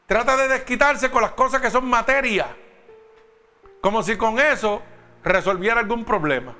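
A man's voice: very high-pitched, moderate pace, bright, forceful tone, faint music behind. A man preaching a sermon, talking straight to the congregation with emphatic questions.

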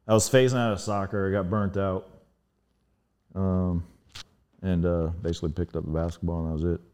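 A man from Northern Virginia, a podcast guest, talking in a laid-back, halting way with lots of fillers. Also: sits low, level tone, a little mellow, smooth. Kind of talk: casual interview chat.

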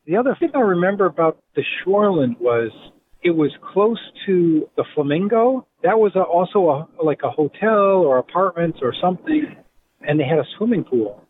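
A man's voice: high-pitched, moderate pace, a little hiss or hum. Middle-aged Rhode Island man over a tinny phone line. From Providence, Rhode Island. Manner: relaxed, rambling storyteller. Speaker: guest. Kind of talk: casual reminiscing interview.

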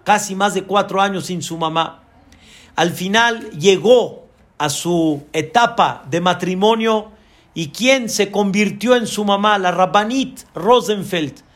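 A man delivers a sermon as a rabbi, spinning a dramatic story. His voice sits high for a man. He acts out the women in his tale as he goes.

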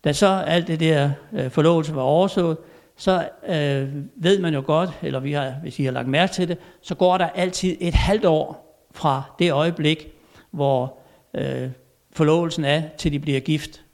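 An older man, a former royal valet, giving an anecdotal storytelling lecture at a country inn. He acts out quoted dialogue and often pauses to hesitate. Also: a little high, gravelly.

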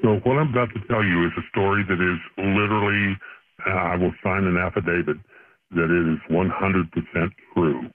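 Brief: male caller disguised through a voice changer, low and tinny over the phone line, earnest storyteller who stumbles and restarts. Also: fairly even intonation, brisk, no echo. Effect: voice changer disguising his voice. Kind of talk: telling a spooky personal story on a radio show.

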